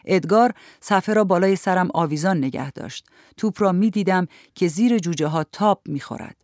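A narrator reads a literary story for an audiobook in a measured, even way. The voice sits at a middle pitch. It is recorded close and dry. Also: no echo.

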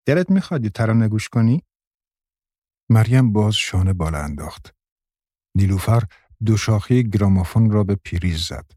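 A man narrates a novel in a measured, solemn reading. His voice is low and husky, with a mellow, dark tone. The close recording has no room sound. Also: no echo. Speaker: audiobook narrator.

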